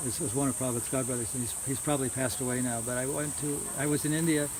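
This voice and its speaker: A religious lecturer with a mid-range voice and steady tone talks rapidly at a housewarming, reminiscing informally before a small live audience and often repeating words as he searches his memory. The noisy, outdoor-like recording carries loud hiss and chirping crickets.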